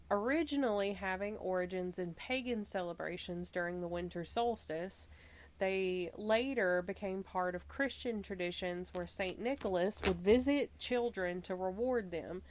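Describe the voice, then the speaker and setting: On her podcast, a woman with a Southern US accent and a mid-range voice reads her researched notes aloud, pausing for casual, chatty digressions. Every so often she stumbles and laughs at herself.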